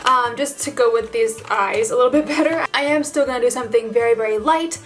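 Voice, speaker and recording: A woman's voice: on the high side, fast, soft background music. A woman vlogger talking casually to her viewers in a bubbly, gushing, informal way, as in a makeup tutorial. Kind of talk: casual chatty vlog tutorial addressed to viewers.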